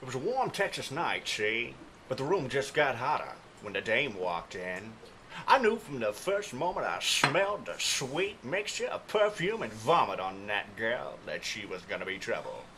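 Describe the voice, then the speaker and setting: A man's voice: mid-range voice, big pitch swings, normal speed, pushed and bright, slight background noise. A man putting on a hardboiled noir detective. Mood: wry, hardboiled. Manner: tough-guy drawl, tags lines with "see?".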